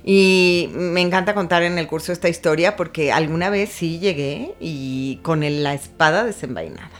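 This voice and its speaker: A woman's voice: on the low side, normal speed, soft background music. A middle-aged woman, chatting casually and acting out quotes as she tells stories. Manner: animated storytelling, acts out quotes. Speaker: guest. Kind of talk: casual chat.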